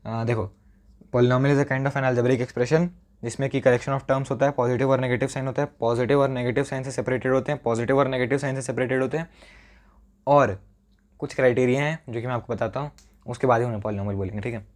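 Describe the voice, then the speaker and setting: A young male maths teacher explains a lesson in a casual, chatty way. He switches freely between Hindi and English and says each definition slowly, several times over. Now and then he drops a joking aside to his viewers. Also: mid-range voice, fairly even intonation, a little mellow.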